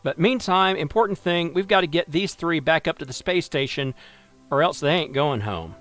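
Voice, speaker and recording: A man's voice: on the high side, animated, moderate pace, a bit bright, soft background music. A man giving wry, self-deprecating live commentary while playing a space game, thinking aloud as he goes. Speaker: game streamer.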